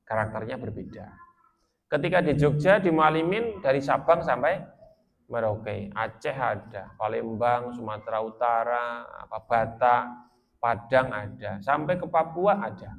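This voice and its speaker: A man's voice: medium pitch, animated, unhurried, creaky. A man from Central Java with a Central Javanese accent, preaching in a chatty, joking way and asking the audience questions. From Magelang, Central Java. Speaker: Islamic preacher. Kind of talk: sermon to a village gathering.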